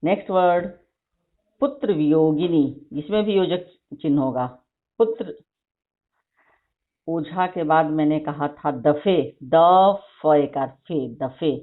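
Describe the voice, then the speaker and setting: A woman teacher dictating a vocabulary list to her class, repeating each word slowly and explaining spelling. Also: low-pitched. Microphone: phone recording of an online class. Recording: tinny phone-like screen recording.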